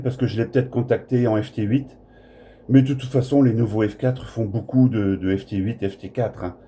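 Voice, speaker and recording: With a mellow, medium-pitched voice, this French radio operator from Brittany rambles through a casual contact in blunt, everyday language. The smartphone recording made in the room is clear, with only faint noise behind him.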